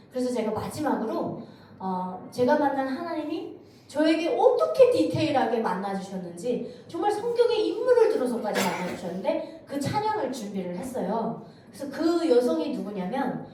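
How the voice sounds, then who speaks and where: A woman from North Korea giving a church testimony, telling her story in a lively way and acting out the voices she quotes. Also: fairly high pitch. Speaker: guest speaker giving testimony. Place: church sanctuary. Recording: echoey church hall, distant mic, faint noise.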